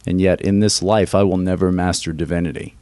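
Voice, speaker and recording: A man's voice: sits low, fairly even intonation, fairly quick, darkish tone, no echo. A man graduating from seminary, answering interview questions in an earnest, plain, explanatory way.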